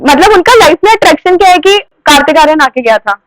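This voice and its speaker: A woman's voice: sits high, lively intonation, fast, a bit bright, dry recording, poor audio. A young woman teaching a commerce class. She asks questions and answers them herself, and she firmly scolds students who disrupt the lesson. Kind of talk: classroom lecture.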